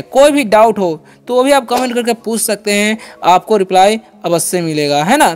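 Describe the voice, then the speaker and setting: A man's voice: high voice, clear, resonant tone. A man hosting his channel and teaching English word by word in Hindi, patient and repetitive, asking and answering his own questions. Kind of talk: Hindi-language English lesson.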